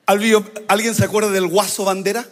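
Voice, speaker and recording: A middle-aged man preaching a sermon, lively, with shouted emphasis and sound effects. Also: high voice, a little fast, long reverb tail. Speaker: pastor.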